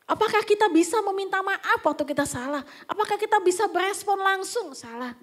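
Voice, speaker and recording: A woman pastor, giving a chatty, anecdotal sermon at a church service with occasional whispered asides. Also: fairly high pitch. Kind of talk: conversational sermon.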